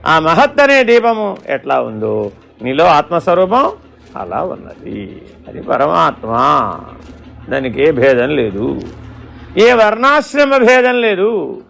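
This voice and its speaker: High, gravelly-voiced man giving a spiritual discourse. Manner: questioning, animated storytelling. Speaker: spiritual teacher. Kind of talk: Vedanta discourse.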